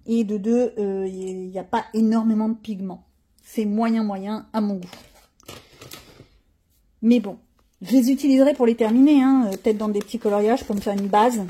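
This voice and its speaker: A middle-aged woman with a mellow, slightly rough mid-range voice chats casually about her art supplies. She thinks aloud while demonstrating them in a show-and-tell style, dropping frank, slangy asides.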